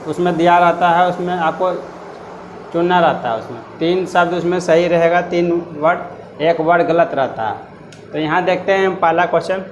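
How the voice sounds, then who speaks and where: A man teaching an exam-prep lesson, explaining words slowly and spelling them out letter by letter, with loose, repetitive phrasing. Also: fairly high pitch, reverberant, slight background noise, low-quality recording.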